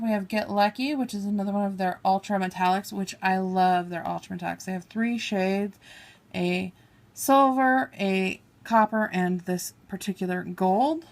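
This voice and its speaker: Her voice medium-pitched and gravelly, a beauty vlogger chats casually through a makeup haul. She swatches shades on her arm and apologizes for mispronouncing names, filmed by a camera on a table focused on her hands.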